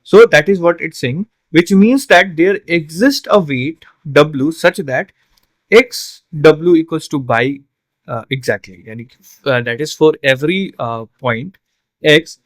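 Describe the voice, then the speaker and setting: A man's voice: on the high side, no echo. A man tutoring an exam solution, explaining step by step with frequent fillers and tag questions, a little tired. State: yawning, tired. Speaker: online tutor.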